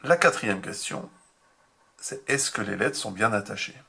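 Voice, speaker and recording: A man teaching a remote handwriting lesson to young children, slow and patient, spelling out each step. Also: fairly low pitch, expressive, vocal fry, pushed and bright, husky. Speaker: kindergarten teacher.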